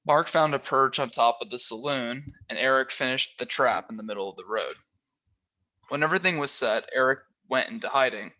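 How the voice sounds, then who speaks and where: A man reading a children's novel aloud as a volunteer reader, telling the story lively and shifting his voice a little for the characters. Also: medium pitch.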